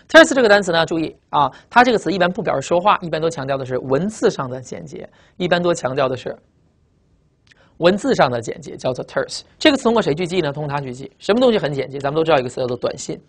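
A man teaching a vocabulary class at a quick clip. He breaks words down by their roots and repeats the key phrases for memorizing. He slows right down to pronounce each English word clearly. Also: a little high, fairly bright tone. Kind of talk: lecture.

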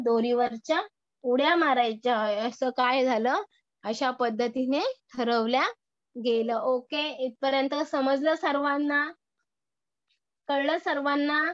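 A woman's voice: high voice, no room sound, muffled recording. A woman teacher with a Marathi accent, reading lines from a story and explaining each one to her class with rhetorical questions. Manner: reads a line, then explains it in plain words with rhetorical questions. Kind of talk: explaining a textbook lesson to a class.

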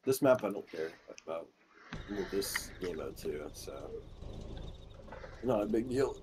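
A man's voice: low-pitched, animated, measured pace. A young man chatting casually while gaming with friends, laid-back and dryly teasing. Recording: noisy voice-chat recording.

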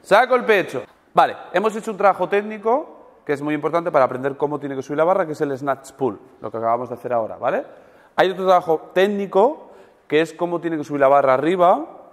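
A man coaching a weightlifting seminar group, animated and demonstrative, checking in with his listeners after almost every point. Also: a little high. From Spain. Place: large gym hall. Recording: long gym reverb.

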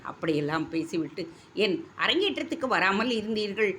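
A woman voicing a proud young female dancer who speaks with hurt, sharp indignation. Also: medium pitch, sing-song, a little fast, a little hiss or hum. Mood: indignant. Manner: indignant, sharp, tearful reproach. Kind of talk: storybook reading.

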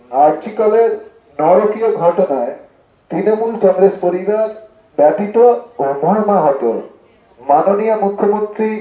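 A man with a high voice calls out a formal public announcement through a loudspeaker megaphone, slow and measured, in short declaimed phrases. The sound echoes widely and comes out muffled and dull. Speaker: political campaign announcer. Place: outdoors, public street.

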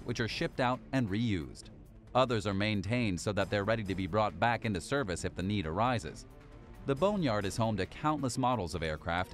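A man reading a scripted documentary narration in an even, measured countdown style, over faint music. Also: fairly low pitch. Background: faint background music.

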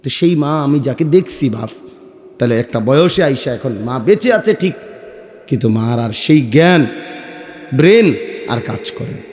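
A middle-aged male Islamic preacher with a Comilla Bengali accent, giving a waz sermon in a light voice after throat surgery, shifting from soft storytelling to loud exhortation. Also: a little high, animated, normal speed, pauses often. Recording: echoey hall, long reverb.

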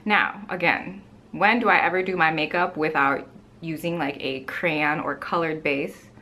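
A woman's voice: sits low, steady tone, unhurried, sharp tone, slight background noise. Woman, thirties, casual makeup review, chatty, gushing, home room, camera in front. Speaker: beauty vlogger. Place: bright home room with plants.

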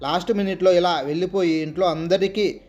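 A man with a high voice voicing a worried young woman, the younger sister, in a storybook reading, pleading and questioning. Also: steady tone, a little fast, a little mellow, lo-fi sound, faint music behind, natural voice.

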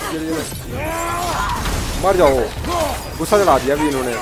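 A man giving excitable live commentary as a gameplay streamer, shouting at enemies mid-fight. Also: on the high side, normal speed. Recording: loud game music behind voice. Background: loud game music.

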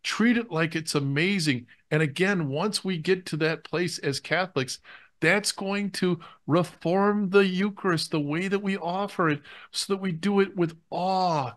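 A man's voice: high-pitched, measured pace, fairly bright tone. A man hosting a religious talk show, speaking in an earnest, emphatic way. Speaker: show host.

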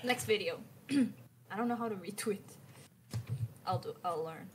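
A woman's voice: medium pitch, measured pace, background noise. A young woman with a Korean accent, a livestreamer chatting in a playful, teasing way. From South Korea. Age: young adult. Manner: animated, teasing. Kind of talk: casual playful livestream banter. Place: indoor room at home.

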